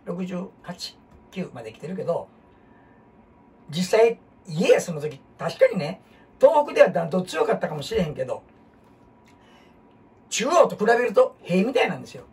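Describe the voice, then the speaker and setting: A man with a Kansai accent, hosting a casual history talk as an animated storyteller who jumps between topics and asks rhetorical questions. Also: high-pitched, moderate pace, long pauses. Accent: Kansai Japanese. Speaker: host. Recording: husky voice from far off the mic.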